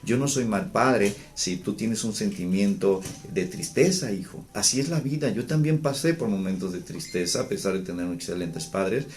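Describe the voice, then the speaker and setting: Deep-voiced man explaining parenting. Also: normal speed, few pauses. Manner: calm, explanatory, with many restarts and fillers. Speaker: psychologist. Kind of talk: talking to camera about parenting.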